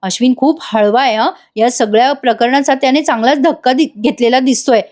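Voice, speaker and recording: A woman's voice: sits high, fairly quick, darkish tone, natural voice. A woman voicing a concerned older father figure. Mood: worried.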